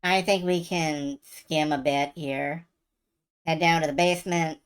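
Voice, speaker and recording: A woman's voice: sits low, steady tone, measured pace, smooth. A woman giving casual, dry and wry commentary as she plays a video game. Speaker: let's player.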